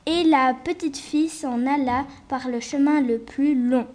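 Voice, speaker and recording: A woman reading a fairy tale aloud slowly and carefully, with small restarts. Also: high-pitched, a little mellow.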